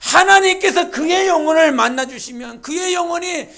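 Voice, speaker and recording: A woman pastor preaching a sermon in a church, with emphatic bursts, quiet asides and acted-out quotes. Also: extremely high pitch, expressive, normal speed. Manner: acts out quoted speech and imitates sounds. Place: church sanctuary.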